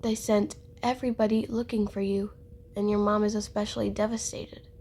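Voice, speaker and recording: A woman's voice: mid-range voice, little pitch movement, moderate pace, dark tone, slight background noise, close to an everyday voice. A woman voicing a kind store cashier who helpfully gives advice. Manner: helpful, advising.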